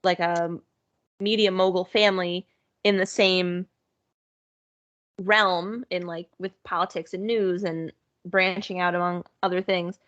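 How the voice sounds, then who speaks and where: A woman's voice: on the low side, little pitch movement, unhurried, pauses often, a bit bright, no echo. A woman co-hosting a podcast in casual chat, talking loosely with lots of fillers and easy laughter. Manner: chatty, laughs easily, many "sort of" and "like" fillers. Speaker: podcast co-host. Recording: dull, lo-fi podcast audio.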